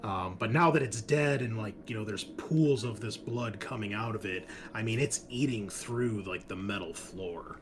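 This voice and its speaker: With background music and other noise in the recording, a game master casually narrates a tabletop session and hedges as he explains. He speaks in a lowish voice at a moderate pace with few pauses.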